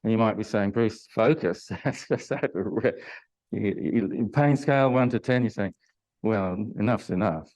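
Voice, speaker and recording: Older guy running a pilates class, lowish voice, rambly with lots of ums, grunts as he works the muscle. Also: normal speed, darkish tone, poor audio. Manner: chatty, hesitant, many fillers and restarts; groans with effort during self-massage. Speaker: Pilates instructor. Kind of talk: live online exercise class.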